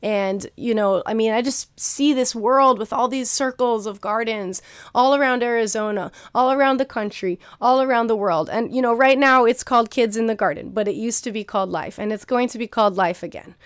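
A young woman, somewhat high-pitched, speaks earnestly and warmly encouraging to her listeners, repeating phrases to drive them home. Her voice is smooth and resonant. The recording is dry and close, made at home on a computer mic. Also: a little fast, dry recording. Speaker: keynote speaker, garden teacher. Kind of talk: recorded keynote talk. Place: indoor room at home, video recording.

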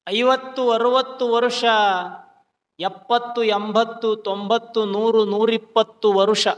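A man's voice: very high-pitched, a bit bright. A man, preaching and telling a devotional story in a declamatory style that piles up epithets. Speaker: religious storyteller. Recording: long hall reverb.

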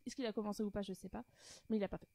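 A woman's voice: mid-range voice, fairly even intonation, racing, creaky, warm tone, dry recording. A woman co-hosting a casual stream chat, hesitant and full of fillers, laughing easily. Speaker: stream co-host.

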